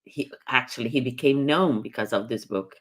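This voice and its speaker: A woman's voice: a bass voice, moderate pace. A woman coaching live on handling difficult conversations, speaking in an earnest, explanatory way with frequent restarts. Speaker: communication coach.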